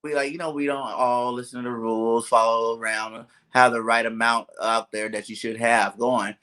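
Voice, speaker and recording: A man's voice: medium pitch, flat delivery, normal speed, sharp tone, clear, resonant tone. A man from California hosting a casual sports podcast over a video call, laid-back and rambling with lots of "you know what I'm saying". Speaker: podcast host.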